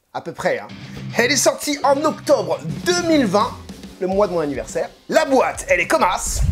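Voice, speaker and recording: A man casually commenting on a figurine unboxing, joking and rambling with lots of hesitant fillers. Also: very high-pitched. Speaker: unboxing video host. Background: faint background music.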